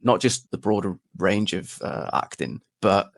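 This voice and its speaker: Gravelly-voiced man interviewing casually. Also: fairly low pitch, animated, unhurried, no echo, clean studio sound.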